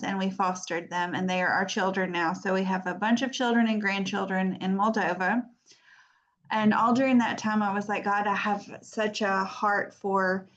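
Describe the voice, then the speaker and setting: An American woman in her fifties giving an informal online talk from home as a guest speaker, chatty and self-deprecating. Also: mid-range voice. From United States. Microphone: video call. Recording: dull lo-fi video call audio.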